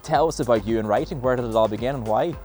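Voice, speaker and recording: A man's voice: medium pitch, fast, darkish tone, soft background music. A man with an Irish accent presenting and asking questions in a conversational interview style.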